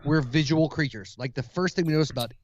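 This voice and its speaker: A man's voice: fairly high pitch, quick pace, lo-fi sound. A man talking bluntly and swearing in casual podcast banter with friends. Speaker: podcast guest.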